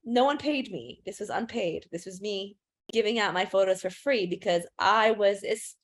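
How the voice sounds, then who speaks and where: A woman's voice: medium pitch, normal speed. Chatty woman photographer giving a talk. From United States and United Kingdom. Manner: chatty, self-deprecating, many fillers and restarts. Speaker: photographer teaching a class. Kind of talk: casual presentation talk.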